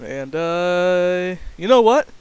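High, excitable young man gaming. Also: slow, clear, resonant tone, no echo. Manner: excitable, yelps and shouts at the action. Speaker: gaming channel host. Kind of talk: casual gameplay commentary.

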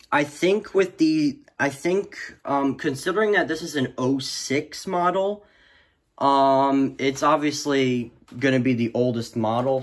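A young male student, teen or young adult, gives a casual, off-the-cuff review of weather radios as a hobbyist, rambling and often trailing off. He has a mid-range voice and records himself in a small indoor room on a handheld phone camera.

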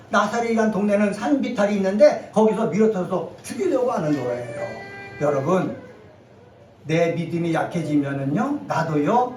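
A male pastor preaching a Sunday sermon with emphatic swells and call-and-response lines for the congregation. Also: high-pitched. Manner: emphatic preaching, rising to near-shouts at key points. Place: church sanctuary. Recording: echoey hall, voice from a distance, faint noise.

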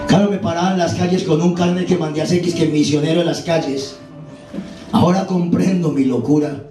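A man with a Colombian accent and a fairly high voice preaches his life story, acting out every character with lively energy. He sounds distant from the mic, in a reverberant hall. Music plays softly behind him. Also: brisk. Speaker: preacher giving his testimony. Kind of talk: sermon testimony.

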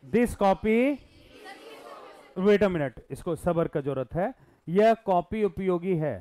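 Male teacher, live class, high smooth voice, dry close sound, unhurried questioning. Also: animated, mellow, no echo, some chatter behind. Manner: coaxing, questions students, mixes Hindi and English.

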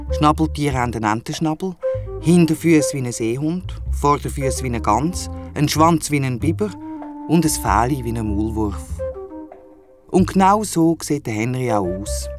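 A man with a Swiss German accent narrating a children's audio drama in a playful, chatty way with little asides. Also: medium pitch.

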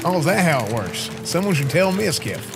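A man's voice: on the high side, big pitch swings, fairly quick. A man in his thirties giving casual live game commentary in a goofy, slangy way, speaking close into a streaming microphone. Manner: goofy, slangy, easily startled exclamations. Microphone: boom microphone close up, streaming setup. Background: game music.

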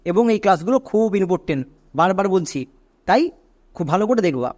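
A man teaching English pronunciation in an online phonics lesson, patiently spelling words out letter by letter and checking with quick questions. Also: high voice, lively intonation, darkish tone.

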